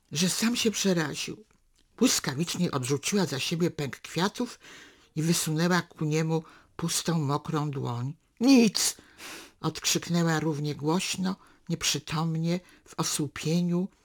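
A woman reading a novel passage aloud with dramatic swings into the characters' thoughts, then talking it over. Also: low voice.

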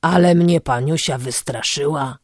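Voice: medium pitch, measured pace, darkish tone, no room sound, studio quality, lightly acted. A narrator voicing a grubby, gap-toothed male bottle collector who talks in a coarse, cheeky, overly familiar way.

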